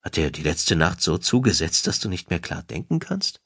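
A man's voice: deep voice, very animated, normal speed, a bit bright, breathy edge, dry recording, clean studio sound, full character voice. A man voicing a playful, teasing wife in an audiobook, speaking in a raised, lighter voice. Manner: playful, needling, then caring. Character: teasing affectionate wife, adult woman. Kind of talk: audiobook dialogue.

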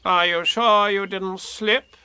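A man voicing a fussy, self-important male rabbit with a brisk, officious manner. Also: sits high, steady tone, bright, forceful tone, clear, resonant tone, no room sound, pitched above the performer's own voice, full character voice.

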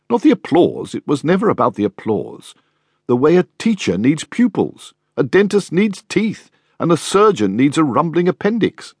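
A man reading an audiobook in the first person, wry and measured. His pitch moves lively through each sentence, and the recording is close and dry with no room sound. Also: no room sound. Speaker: audiobook narrator. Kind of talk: scripted first-person narration.

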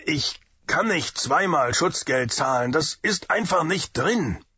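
A man's voice: on the high side, animated, slow, bright, forceful tone, slightly rough, no room sound, voice pushed up, heavily acted. A man voicing a harried middle-aged diner owner who grumbles and pleads, in a dull lo-fi audiobook recording. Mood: pleading.

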